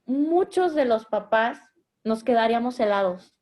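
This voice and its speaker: A woman's voice: a little high, expressive, a little slow, darkish tone. A woman, speaking as a mother in a conversation about raising children, earnest and explanatory, often restarting her sentences. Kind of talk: conversational parenting advice.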